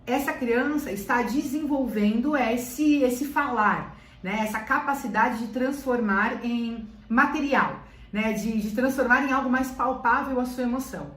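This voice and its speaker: A woman's voice: fairly high pitch, a little slow, a bit bright, echoey room, distant mic. A woman with a Brazilian Portuguese accent, a teacher explaining things to parents, often repeating phrases for emphasis. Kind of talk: educational talk to parents.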